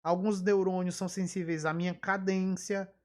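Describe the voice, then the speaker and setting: A woman's voice: fairly low pitch, flat delivery, moderate pace, a little mellow. A woman giving a live online physiology lecture. She explains by repeating key terms, wanders into asides, and throws in emphatic rhetorical questions.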